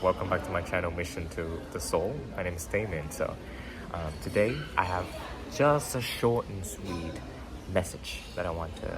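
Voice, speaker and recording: A deep-voiced podcast host from Vietnam, a native Vietnamese speaker, muses over background music. He rambles through a casual motivational monologue, packed with fillers and tag questions.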